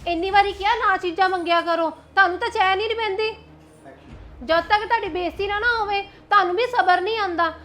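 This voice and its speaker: A woman plays an outspoken young wife with a Punjabi accent, scolding and defiant. Her voice is high and bright, with a sharp edge. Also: fast. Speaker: younger sister-in-law.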